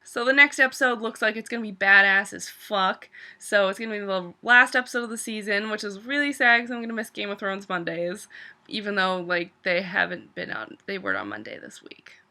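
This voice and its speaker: Woman vlogger ranting about an episode, bright sharp voice, swears a lot, says like constantly. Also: mid-range voice, brisk. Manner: gushing, profane, heavy use of "like". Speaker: TV episode reviewer. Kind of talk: casual vlog review.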